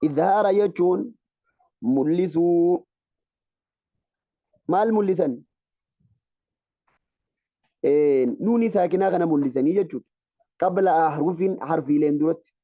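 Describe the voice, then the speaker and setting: A man teaching a lesson on Islamic recitation rules, chanting lines of verse slowly and then explaining them quickly. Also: a little high, no room sound. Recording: dull lo-fi recording.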